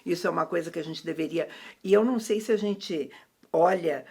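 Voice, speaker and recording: Woman, middle-aged, husky, gravelly, hesitant fillers, reflective faith chat host. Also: fairly low pitch, brisk, mellow. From Brazil.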